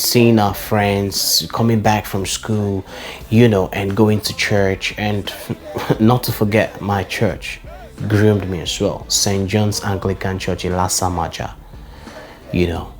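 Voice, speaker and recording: A Nigerian man in his forties speaks in a very low voice, looking back fondly on where he grew up and reeling off names and shout-outs. Faint music plays behind him in this personal vlog. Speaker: vlogger.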